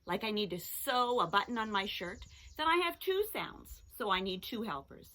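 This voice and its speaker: A woman teacher giving a children's phonics lesson, speaking in slow, clear, sing-song instructions. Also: mid-range voice, big pitch swings, sharp tone.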